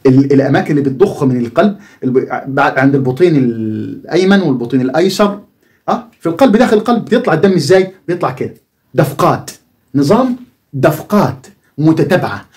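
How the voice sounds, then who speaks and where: A man's voice: fairly high pitch, expressive, fast, darkish tone. A man with an Egyptian Arabic accent teaching a lesson, asking the viewer questions and answering them himself. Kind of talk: explanatory video lesson.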